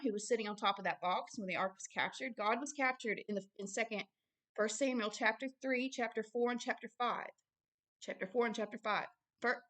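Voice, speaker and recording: In unscripted religious teaching, a woman with a fairly high, fairly bright voice speaks emphatically and didactically in short phrases. As a teacher and show host offering extemporaneous Bible teaching and book commentary, she repeats key words to drive each point home.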